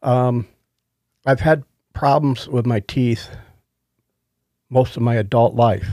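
A man's voice: mid-range voice, slow, mellow, dry recording, studio quality. A middle-aged man with toothless, lisping speech, talking earnestly and casually as a podcast co-host giving a personal testimony. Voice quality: toothless, lisping speech after oral surgery.

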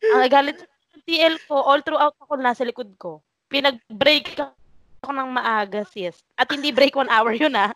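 A Filipino woman in her twenties co-hosting a podcast, telling work stories in animated casual chat and acting out quoted dialogue. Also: sits high, normal speed, low-quality recording. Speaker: podcast co-host.

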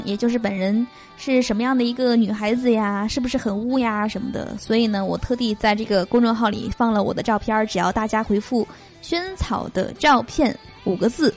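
Giggly high-voiced young woman host. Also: steady tone, a little mellow, faint music behind. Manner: chatty, giggly, drawn-out fillers. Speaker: podcast host. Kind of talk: reading jokes aloud with comments.

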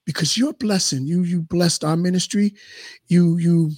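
An effusive male talk show host with a husky, breathy voice. He repeats his phrases and sings out his sign-offs in a dry, close sound. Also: high-pitched, moderate pace, darkish tone, no echo. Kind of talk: casual talk show chat.

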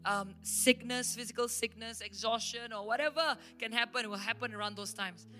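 A woman's voice: on the high side, moderate pace. A woman pastor with a Malaysian English accent, preaching and telling stories emphatically at a church service. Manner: emphatic, animated storytelling. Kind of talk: sermon storytelling. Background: faint instrumental worship music.

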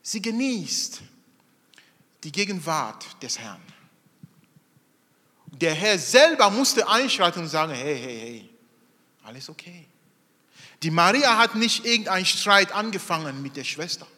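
A man preaching a sermon in an animated way, acting out the voices of people in his story. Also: sits high, measured pace, pauses often, big-room sound. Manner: animated, acts out quoted voices.

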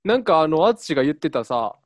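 A man's voice: a little high, sing-song, quick pace, dry recording, clean studio sound. A man with a Kansai accent co-hosting a casual radio chat, with the teasing retorts of a comic straight man. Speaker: radio show co-host.

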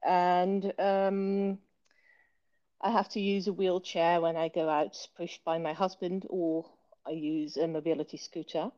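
A guest on a relaxed remote interview, this soft-spoken woman from the Netherlands, in her thirties, is an author and illustrator who has picked up a British accent. Lying in a hospital bed, she speaks in a flat, unhurried, low-energy way, hesitating with lots of fillers and the occasional laugh, on a muffled recording.

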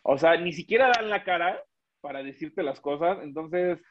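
Male guest, chatty and rambling, fairly high voice, dull lo-fi audio. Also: lively intonation, normal speed, a little hiss or hum. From Mexico. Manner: rambling, many restarts and fillers. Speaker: guest, illustrator and animator. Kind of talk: casual interview chat.

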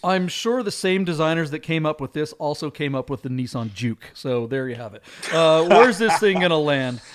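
A man with a somewhat high voice co-hosts a live car auction show. He jokes and rambles in loose, casual banter. His plugs and sign-off come out quick and offhand. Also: expressive.

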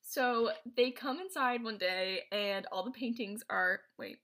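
A woman's voice: on the high side, unhurried, bright, forceful tone. A woman retelling a film's plot to a friend in casual chat, rambling, with many fillers and restarts. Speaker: presenter recapping a film.

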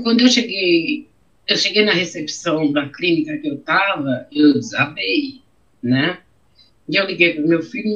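A woman's voice: lowish voice, a bit bright. A middle-aged woman with a Brazilian accent, telling her own story in an interview, emotional and repeating her phrases. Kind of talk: personal testimony in an interview. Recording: dull, muffled audio.

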